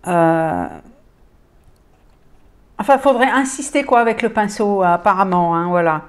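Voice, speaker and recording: Slow-talking woman chatting over makeup. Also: medium pitch. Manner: hesitant, many fillers and restarts, enthusiastic about colors. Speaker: beauty vlogger. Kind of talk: casual product haul chat.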